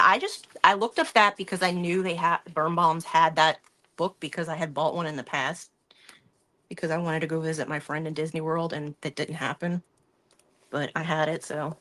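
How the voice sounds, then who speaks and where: A woman's voice: low voice, steady tone, moderate pace, fairly bright tone. A woman hosting a craft live stream, chatting casually and rambling about her week while she works at her craft table. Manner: chatty, rambling, talks through her hands-on work.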